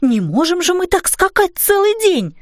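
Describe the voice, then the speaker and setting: A flustered but gentle fairy mom from a children's storybook, drawing out her spells and exclamations, voiced by a woman reader. Her voice is high and very lively, close and dry. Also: no echo. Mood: fretful. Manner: exclamatory, slow emphatic commands.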